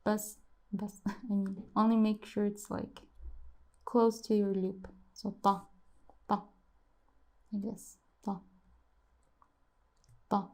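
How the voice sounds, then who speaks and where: A woman's voice: mid-range voice, level tone, slow pace, long pauses, warm tone. A woman teaching how to write and pronounce letters in a casual lesson, repeating each sound many times and musing aloud as she draws. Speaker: language teacher.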